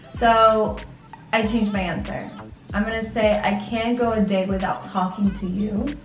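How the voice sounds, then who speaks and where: A woman's voice: medium pitch, steady tone, unhurried. Rambly twenty-something woman on a vlog, kinda far from the mic, echoey room with music. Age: 20s. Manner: chatty, rambling, lots of "like" and restarts. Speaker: vlog co-host answering questions. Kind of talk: casual chat. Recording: roomy echo, mic at a distance, music behind.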